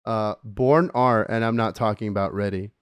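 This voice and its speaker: Laid-back young podcast host. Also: male voice, fairly low pitch, fairly even intonation, moderate pace, clean tone, no room sound. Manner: laid-back, mock-earnest when thanking listeners. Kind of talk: casual comedy chat.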